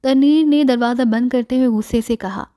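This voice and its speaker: A woman narrating a spy story audiobook, reading all the characters in one steady voice. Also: fairly high pitch, fairly quick, no room sound, clean studio sound.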